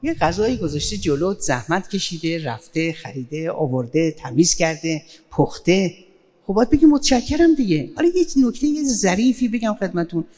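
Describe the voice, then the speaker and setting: A woman speaking as a guest on family life, giving advice in an animated way and acting out short quoted exchanges. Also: lowish voice. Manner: animated, acts out little quoted dialogues. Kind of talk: lively advice talk on a stage. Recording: long hall reverb.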